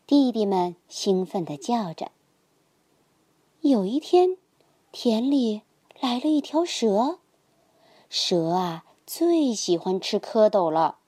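A woman narrating a children's bedtime story in a gentle, sing-song manner. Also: mid-range voice, sing-song, takes it slowly, long pauses, slightly rough, no echo.

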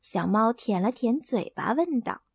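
A woman reads a bedtime story aloud in a gentle, expressive way, her voice sitting high and her pace slow and unhurried. The recording is close and dry, with no room sound. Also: gravelly, breathy edge, no room sound.

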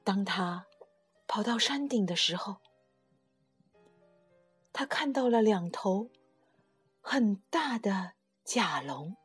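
A woman narrating a children's bedtime story in a gentle, expressive way. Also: medium pitch, slow pace, pauses often, breathy edge, faint music behind.

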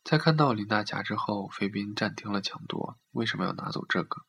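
A man reading a literary story aloud in a steady, measured way. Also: on the low side, vocal fry, breathy edge.

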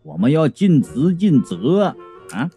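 A man's voice: very animated, mellow, breathy edge, faint music behind, heavily acted. A man voicing a laid-back, rule-bound male ghost constable in a comic audiobook, drawling his words. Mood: lazy. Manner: drawling, slow and low.

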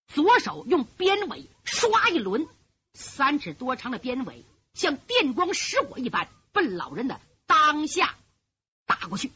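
A woman's voice: sits high, bright, forceful tone, slight background noise. A woman telling a traditional martial arts story in a vivid, dramatic way. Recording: dull lo-fi recording.

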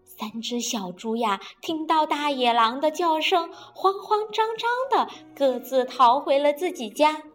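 一位女性用拖长的唱腔式语调给孩子讲童话故事。. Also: female voice, high voice, animated, soft background music. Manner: slow, sing-song, drawn-out. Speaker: storyteller. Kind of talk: children's storytelling.

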